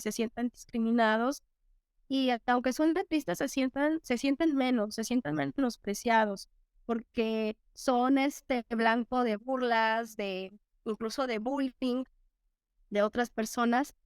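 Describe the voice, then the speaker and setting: A woman's voice: on the high side, clear, resonant tone, dry recording, clean studio sound. A Mexican woman in her thirties, a teacher and interview guest, telling stories reflectively with many fillers and restarts.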